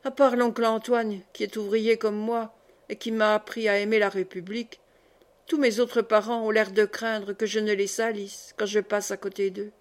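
A woman reading the part of an earnest young male worker in love, speaking tenderly and gravely in an audiobook. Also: mid-range voice, level tone, normal speed, natural voice.

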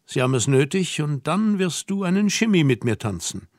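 A man reading an audiobook voices a young woman who teases and orders her companion about, asking brisk, mocking questions. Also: on the high side, sing-song, a little mellow, no echo, studio quality. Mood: teasing. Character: young woman, teasing, bossy and self-assured. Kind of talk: audiobook dialogue.

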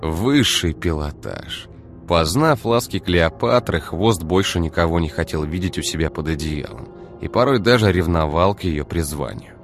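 Deep-voiced man narrating an audiobook. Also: expressive, moderate pace, faint music behind. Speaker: audiobook reader.

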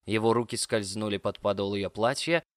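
A man reading audiobook narration in a steady, even way. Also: fairly low pitch, normal speed, no echo, studio quality. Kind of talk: scripted narration.

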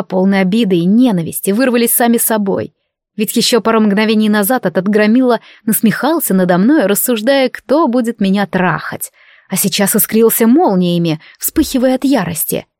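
A woman narrating a fantasy romance novel in the first person, with an expressive reading. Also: mid-range voice, no room sound, studio quality. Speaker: audiobook narrator.

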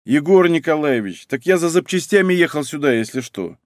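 A man puts on an aging driver who whines and pleads. The voice is lifted and lively, with a dry, close sound. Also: a little high, fairly quick, dry recording, close to an everyday voice. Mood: whiny. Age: older. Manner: whining. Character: whiny elderly soldier driver.

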